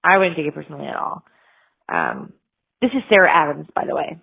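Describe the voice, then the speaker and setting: A woman, a podcast co-host, leaving a halting, mock-sympathetic voicemail full of ums, heard over a phone line. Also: low voice, wildly swooping pitch, gravelly, slightly rough. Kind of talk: comic voicemail message. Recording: tinny narrow phone-line sound.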